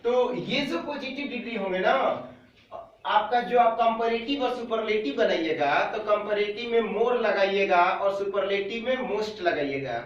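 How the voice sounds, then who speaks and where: A man's voice: high-pitched, lively intonation, normal speed. A man teaches grammar, drilling each rule and putting questions to the class before answering them himself. He sounds far from a dull-sounding mic in a very echoey room. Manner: repeats points, asks and answers his own questions. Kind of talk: explaining grammar rules to students.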